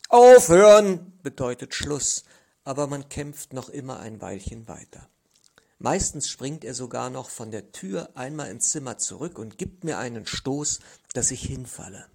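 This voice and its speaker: A man reading a literary story aloud in the first person, measured and expressive. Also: mid-range voice, creaky, breathy edge. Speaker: audiobook narrator.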